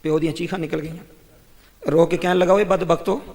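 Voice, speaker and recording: A man's voice: fairly high pitch, level tone, fairly quick, warm tone. A man with a Pakistani Punjabi accent preaching a fervent storytelling sermon and speaking straight to his listeners. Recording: long hall reverb.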